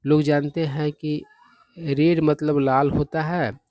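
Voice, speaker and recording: A man's voice: fairly high pitch, flat delivery, slow pace, no room sound, lo-fi sound. Patient male English tutor, dry sound. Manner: explains each word patiently, often ending with "है ना?". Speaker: English vocabulary teacher. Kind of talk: newspaper vocabulary lesson.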